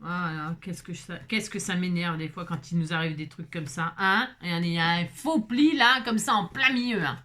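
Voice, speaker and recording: A woman's voice: lowish voice, moderate pace, few pauses, pushed and bright. A woman talking casually while making a card, chatty and self-mocking with frequent exclamations. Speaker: crafting vlogger. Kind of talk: chatty crafting tutorial.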